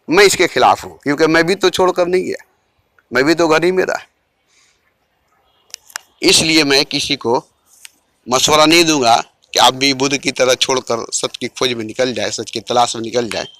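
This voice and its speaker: A man giving an informal spiritual talk at home in a measured way, repeating key phrases for emphasis. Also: medium pitch, sharp tone, no room sound. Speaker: spiritual teacher.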